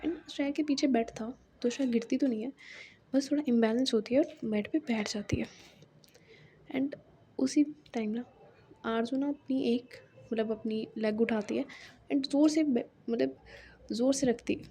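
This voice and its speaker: A woman's voice: fairly high pitch, moderate pace, warm tone, slight background noise. Chatty woman telling a love story. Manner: chatty, full of fillers and asides. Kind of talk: casual story narration.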